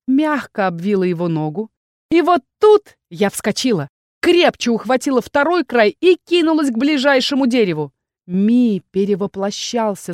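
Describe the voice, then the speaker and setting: A woman narrating a first-person fantasy story as an audiobook, lively and expressive. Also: medium pitch, dry recording, studio quality.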